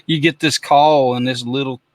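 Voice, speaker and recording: A man's voice: mid-range voice, steady tone, normal speed, no echo. A male host bantering and joking with guests on a trade talk show. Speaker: podcast host. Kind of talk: casual talk-show chat.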